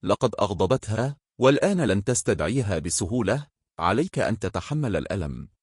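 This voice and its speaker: A man's voice: fairly low pitch, very animated, fairly quick, husky, no echo, studio quality. A man doing a menacing whispering spirit. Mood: ominous. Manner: ominous, commanding.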